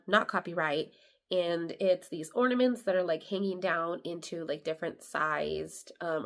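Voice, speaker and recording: A congested young woman with a slightly low voice talks through her hobby in a loose, rambling way. She leans on lots of "um"s and "like"s, as in an easygoing personal vlog. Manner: rambling, filler-heavy, chatty. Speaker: crafting vlogger. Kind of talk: casual chat.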